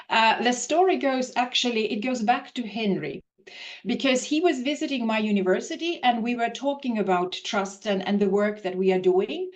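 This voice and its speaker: A woman's voice: medium pitch, darkish tone, highs cut off. A woman from Finland, a professor, answering interview questions in a thoughtful way with many fillers and restarts. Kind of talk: video-call interview.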